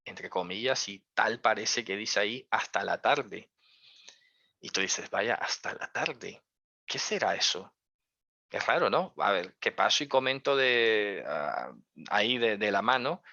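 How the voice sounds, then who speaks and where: Man with a bright, lo-fi sounding voice. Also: on the low side, no echo. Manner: conversational, full of rhetorical questions and check-ins; careful, hedging his own interpretations. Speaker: religious teacher. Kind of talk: explanatory lesson. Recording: dull, dry lo-fi recording.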